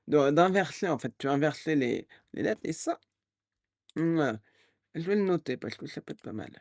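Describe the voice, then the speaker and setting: A man streaming live, telling a rambling story in a casual, animated way and acting out the people he quotes. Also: a little high, vocal fry, no room sound. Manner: animated, acts out quoted voices; rambling with restarts and fillers.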